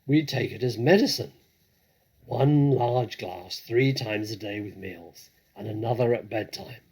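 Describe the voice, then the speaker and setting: A man's voice: fairly low pitch, a little slow, a little mellow, slightly rough, rough recording. A man voicing a blustery, hearty grown badger from a storybook, with an emphatic, pompous delivery.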